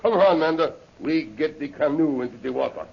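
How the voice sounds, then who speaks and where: A raspy, swooping French henchman, a little high in pitch, barks in broken English sprinkled with French exclamations, sounding brisk and bossy. He is a rough, fawning, jealous braggart performing in an expressive, brisk full character voice for a 1930s radio adventure serial, muffled like a vintage recording.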